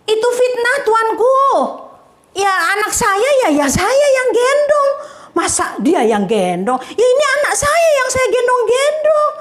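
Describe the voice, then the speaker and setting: A woman voicing a sharp-tongued young mother who snaps and scoffs at her rival. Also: very high voice, sing-song, voice pushed up, full character voice. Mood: indignant. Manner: snappy, scornful, quick. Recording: echoey room.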